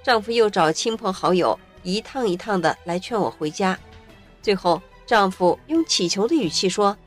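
Expressive woman telling her own story. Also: mid-range voice, moderate pace, faint music behind. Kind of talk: first-person story narration.

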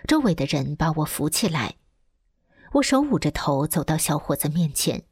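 A woman with a low, slightly husky voice reads a first-person account in a steady, earnest way. Her intonation rises and falls in wide swings. The recording is dry and close, with no room echo. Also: moderate pace. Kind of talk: first-person testimony narration, read aloud.

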